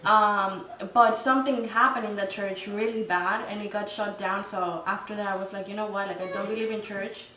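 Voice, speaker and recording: In a relaxed interview, this podcast guest, a woman in her twenties from the Dominican Republic, speaks at normal speed with a medium pitch, a steady tone, and few pauses. Her manner is hesitant and reflective, heavy on fillers. The recording has faint noise, a distant mic, and a roomy echo.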